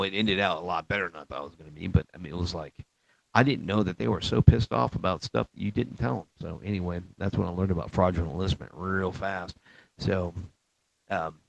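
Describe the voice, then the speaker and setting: The recording is dry, dull and lo-fi, capturing a middle-aged man's deep, creaky voice. A Marine veteran, he rambles through a boot camp story in casual, profane talk, chuckling often.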